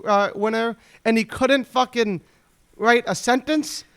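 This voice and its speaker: A man's voice: extremely high pitch, a little slow, creaky, a bit bright, smooth. A male podcast co-host in casual chat, joking, laughing often and stumbling over repeated words. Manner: jokey, laughs often, stammers and repeats himself.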